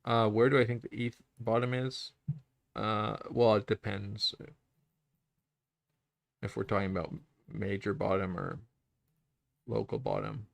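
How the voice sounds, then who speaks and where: A man with a low, gravelly voice hosts a trading livestream, thinking aloud over his charts. He rambles, circles back and fills pauses with ums. The sound is close and dry, with no room around it. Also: flat delivery, no echo. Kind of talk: casual livestream chart commentary.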